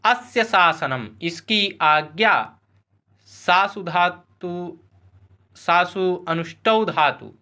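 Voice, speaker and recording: Man, Sanskrit lesson, word-by-word explanation, high voice. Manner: slow, measured word-by-word glossing; chants verse slowly and louder. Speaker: Sanskrit teacher. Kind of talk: explaining a classical verse line by line.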